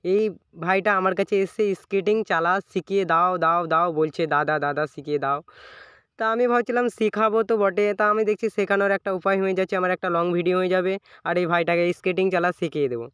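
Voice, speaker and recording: Fast-talking man telling a story. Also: sits high, fairly bright tone, clean tone, dry recording, studio quality. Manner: storytelling, quoting both sides of a conversation. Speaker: fitness vlogger. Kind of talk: casual vlog narration.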